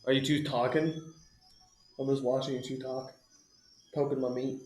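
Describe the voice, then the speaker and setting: A man playing a tabletop role-playing game, joking around, swearing and breaking into loud outbursts. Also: medium pitch, little pitch movement, normal speed, soft background music. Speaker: player. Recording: roomy echo.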